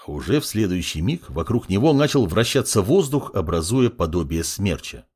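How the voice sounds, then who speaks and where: A man narrating an audiobook with expressive storytelling. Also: moderate pace, breathy edge. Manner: expressive storytelling, wide pitch swings. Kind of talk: scripted narration.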